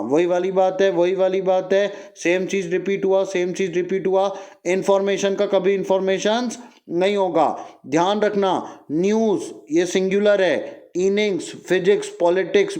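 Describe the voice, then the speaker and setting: A young man teaching an exam-prep grammar lesson, repeating phrases and firing quick questions at his students. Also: high-pitched, a little mellow.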